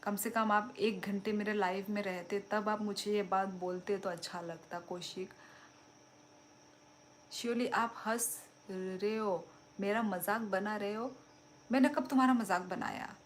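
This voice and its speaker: A woman's voice: mid-range voice, fairly even intonation, unhurried, a little hiss or hum. A young woman hosting a casual live stream, chatting and laughing as she reads out and answers viewer comments. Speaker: livestream host.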